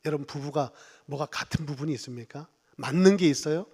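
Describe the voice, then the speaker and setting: A man in his fifties preaches a Sunday sermon with a fairly high voice. He talks to the congregation in a chatty, joking way and punches key words loudly. The long reverb of a church hall hangs around every phrase. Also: brisk, breathy edge. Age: 50s. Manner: conversational and humorous, with sudden loud emphasis and acted quotes. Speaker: pastor. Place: church sanctuary.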